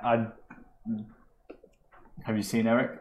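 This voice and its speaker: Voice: mid-range voice, little pitch movement, takes it slowly, darkish tone. Echoey tabletop player in casual game talk. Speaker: tabletop role-playing player. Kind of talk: casual game talk and light role-play. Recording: echoey room, background noise.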